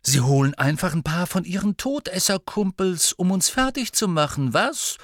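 A man's voice: high-pitched, animated, normal speed, a bit bright, no room sound, clean studio sound, voice pushed up. A man voicing a defiant, mocking teenage boy wizard in a storybook reading.

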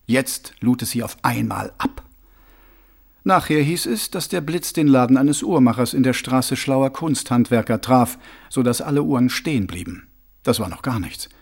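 A man reading a novel aloud as an audiobook, with dramatic, expressive storytelling. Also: mid-range voice, moderate pace, vocal fry, slightly rough. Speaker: audiobook narrator. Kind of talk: scripted audiobook narration.

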